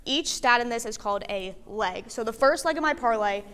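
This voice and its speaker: Woman in her twenties, sports reporter, upbeat clear delivery, slightly high voice. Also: expressive, fairly quick, fairly bright tone.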